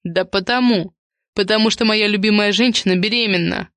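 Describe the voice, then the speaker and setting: Audiobook husband read by a woman, blunt and on the defensive, in her everyday pitch. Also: moderate pace, fairly bright tone, no room sound, close to an everyday voice. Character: cornered middle-aged husband leaving his wife. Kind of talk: audiobook character reading.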